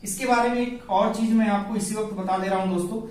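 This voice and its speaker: A male teacher giving an exam-prep lecture, asking questions and answering them himself, stretching the vowel sounds slowly while writing on a board. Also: high-pitched, steady tone, darkish tone. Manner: addresses listeners as friends. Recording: very echoey room, voice from some distance to the mic.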